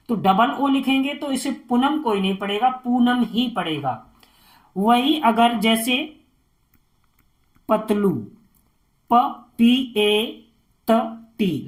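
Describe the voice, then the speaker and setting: A woman gives a beginners' spelling lesson at a very slow, deliberate pace. She spells each word out letter by letter, in an ordinary middle-pitched voice. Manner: spells words out letter by letter, drawn out. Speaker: teacher.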